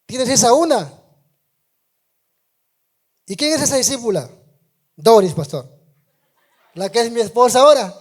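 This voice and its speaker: A middle-aged man giving a sermon testimony, moving from quiet storytelling to loud, emphatic calls to the congregation. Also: extremely high pitch, expressive, measured pace, long pauses.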